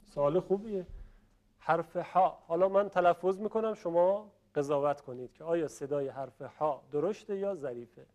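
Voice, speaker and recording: A man teaching Quran recitation to a class, explaining patiently in speech and chanting slow examples for students to repeat. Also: on the high side, darkish tone.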